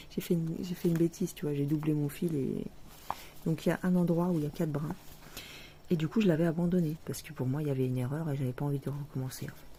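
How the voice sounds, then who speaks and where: A woman's voice: deep voice, steady tone, fast talker, pauses often, dark tone, a little hiss or hum. A woman vlogger chatting casually about her cross-stitch projects in a chatty, self-mocking way, often dropping to a near whisper.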